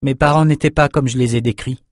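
Male narrator as a defensive, troubled young man, pitched up, dry sound. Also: fairly even intonation, quick pace, dry recording, lightly acted. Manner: defensive, strained. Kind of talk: audiobook character voice.

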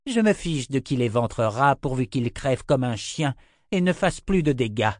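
A man's voice: mid-range voice, expressive, moderate pace, dry recording, studio quality, voice pushed up, lightly acted. A man voicing a brutal, furious army general who barks orders and threats in an audiobook. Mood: harsh, shouting.

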